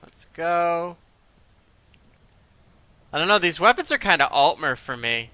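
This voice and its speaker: A man's voice: on the high side, big pitch swings, fast, pushed and bright, no room sound. A man giving casual, musing let's play commentary, as if talking to himself, close to the microphone. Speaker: gameplay commentator.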